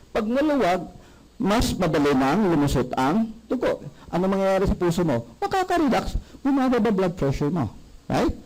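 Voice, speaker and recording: A man giving a sales seminar, animated and often asking the audience questions. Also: sits high, rough recording. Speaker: product presenter.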